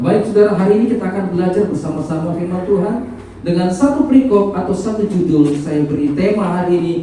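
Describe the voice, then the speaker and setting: A man's voice: on the high side, dark tone, a little hiss or hum. A man preaching in a church, praying fervently and then telling a story to the congregation. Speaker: pastor. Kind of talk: sermon with opening prayer. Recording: echoey church hall from far off.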